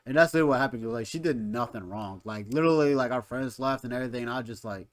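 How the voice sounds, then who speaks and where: A man's voice: medium pitch, rapid-fire. A young man co-hosting a podcast, casually telling a story, acting out quoted lines and laughing often. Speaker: podcast co-host. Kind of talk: casual chat.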